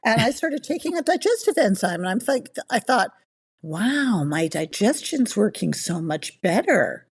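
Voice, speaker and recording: A woman's voice: medium pitch, a little slow, slightly rough. Chatty middle-aged woman from the Bahamas. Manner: enthusiastic, chatty, lively storytelling. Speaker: nutrition coach guest. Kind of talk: casual podcast interview.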